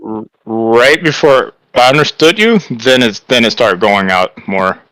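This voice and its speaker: A man's voice: medium pitch, unhurried, bright, forceful tone, rough recording. A man laughing and chatting in a casual gaming voice chat.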